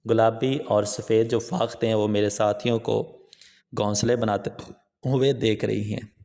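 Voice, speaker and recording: A man's voice: lowish voice, steady tone, measured pace, vocal fry, mellow, big-room sound. A man teaching an English text line by line, reading each phrase and explaining it in Urdu. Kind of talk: line-by-line reading and translation lesson.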